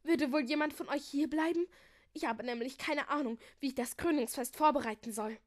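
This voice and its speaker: A woman's voice: high voice, very animated, a little slow, a little mellow, pitched above the performer's own voice. A forgetful old fairy-tale king who stumbles over names and frets, read aloud by a woman. He dithers and hesitates. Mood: anxious. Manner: dithering, anxious.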